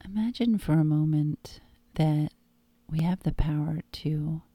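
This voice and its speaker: A woman guiding a hypnosis meditation in a calm, soothing tone, soft and breathy, often close to a whisper. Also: low-pitched, no echo. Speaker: hypnosis guide.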